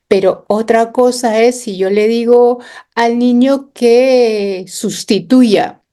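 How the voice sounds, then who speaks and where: A woman's voice: mid-range voice, warm tone. A woman guest on a radio interview, patiently explaining with classroom examples, sounding out words and tagging her points with little questions. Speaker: interview guest, education specialist.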